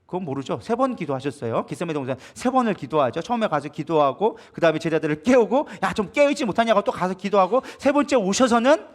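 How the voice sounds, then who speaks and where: Animated high-voiced male pastor preaching. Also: quick pace, hardly any pauses. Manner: animated, asks the congregation questions and acts out dialogue. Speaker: co-lead pastor. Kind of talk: prayer-meeting sermon.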